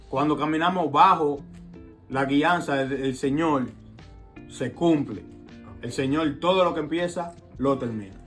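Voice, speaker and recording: Reflective man preaching in casual talk. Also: fairly high pitch. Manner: reflective, repeats phrases, asks "¿verdad?". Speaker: co-host of a faith talk show. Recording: phone recording with guitar music behind.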